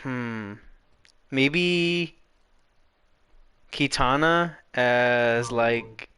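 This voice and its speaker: A man's voice: medium pitch, extremely slow, pushed and bright, smooth, no room sound. A young man hosting a casual gaming chat, laid-back, often laughing as he reads the chat. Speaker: podcast host reading chat.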